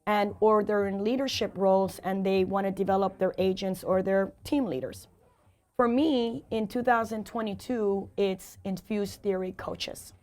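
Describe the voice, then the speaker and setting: A sales and leadership coach, a woman with a hoarse, mid-range, darkish voice, answers interview questions at a measured pace. Her delivery is emphatic and motivational, often circling back to repeat key phrases.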